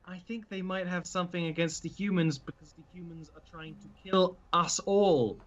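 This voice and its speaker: A man's voice: sits high, fairly even intonation, normal speed, fairly bright tone, highs cut off. A man playing a tabletop game, talking casually in and out of character.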